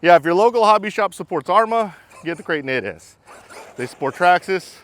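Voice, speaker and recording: A man doing casual outdoor vlog commentary about RC cars, excited, exclaiming and laughing as he drives. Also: high-pitched, fairly quick. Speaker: RC car vlogger.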